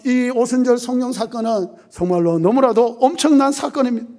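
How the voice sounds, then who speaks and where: High-voiced man preaching a sermon. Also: darkish tone. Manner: emphatic preaching with rhetorical questions and building lists. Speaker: pastor.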